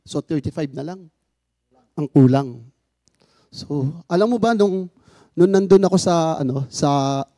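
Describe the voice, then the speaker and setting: A man with a high yet mellow voice tells a faith testimony about his family, earnest and heartfelt. He acts out the lines of the people he quotes. The sound is close and dry. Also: no room sound. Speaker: father sharing a personal testimony.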